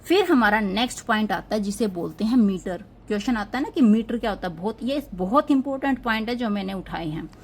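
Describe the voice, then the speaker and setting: A woman's voice: mid-range voice, lively intonation. Woman teacher quizzing herself aloud. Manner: asks and answers her own questions; slows to spell out English terms. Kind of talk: exam-prep lecture.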